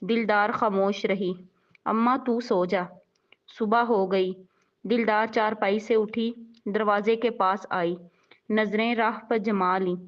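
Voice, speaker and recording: A woman narrating a sorrowful, dramatic story, giving the characters' lines softly in her own telling. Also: mid-range voice, fairly even intonation, slow. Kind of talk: emotional scripted narration. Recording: dull lo-fi recording.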